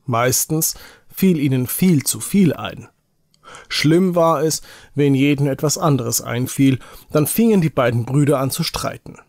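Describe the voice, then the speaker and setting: A man reading an Advent story for small children aloud, slowly and with care, in a home recording. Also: medium pitch, a little mellow, no echo, clean studio sound.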